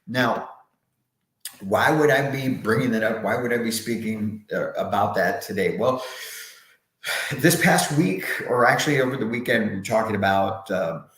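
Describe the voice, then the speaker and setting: A man's voice: fairly low pitch, moderate pace, fairly bright tone. A man hosting a live sales training session, talking upbeat from a bare, unfurnished office that echoes, often restarting words and asking "right?". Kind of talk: live motivational sales talk. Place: brand-new empty, unfurnished office. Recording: echoey bare empty room.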